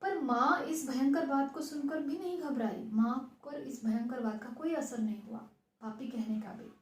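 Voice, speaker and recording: A woman teacher walks students through a story, explaining each turn in simple words. Her voice sits a little high. It rings in an echoey room. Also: moderate pace. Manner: explains plainly, glosses words as she goes. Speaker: Hindi teacher. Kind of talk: retelling and explaining a textbook story.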